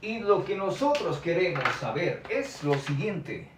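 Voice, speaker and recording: A man's voice: high voice, very animated, a little slow, echoey room, noisy background. A man teaching Quechua on a live stream, chatty and upbeat, reading out viewer comments and repeating words.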